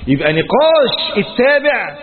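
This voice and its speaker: A man's voice: very high-pitched, sing-song, moderate pace, a crowd in the background. A man with an Egyptian Arabic accent giving a Quran commentary lesson, reciting verses and then explaining them in colloquial speech, asking questions and answering them himself. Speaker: Quran teacher. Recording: tinny phone-like lo-fi audio.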